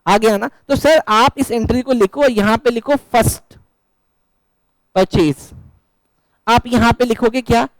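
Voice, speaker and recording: A man's voice: very high voice, unhurried, pauses often, dry recording, low-quality recording. A male teacher giving a live classroom lecture, asking questions and answering them himself, and teasing his students in chatty banter.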